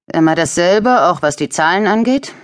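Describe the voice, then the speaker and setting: A woman's voice: fairly low pitch, animated, moderate pace, no room sound, clean studio sound, voice pushed up, close to an everyday voice. A woman voicing a friendly, chatty female cashier over fifty in an audiobook thriller. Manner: chatty, familiar.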